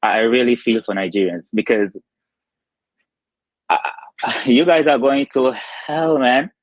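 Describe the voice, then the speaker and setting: A man's voice: mid-range voice, measured pace, dry recording. A man from Saint Kitts with a Kittitian accent, speaking casually and earnestly as a caller to a talk show, repeating phrases for emphasis. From Saint Kitts and Nevis, Caribbean. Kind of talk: casual opinionated chat. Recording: dull lo-fi call audio.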